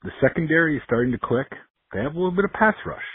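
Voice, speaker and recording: Man, caller, husky voice, lively pitch, tinny phone line. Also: rapid-fire, no room sound. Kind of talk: voicemail sports take.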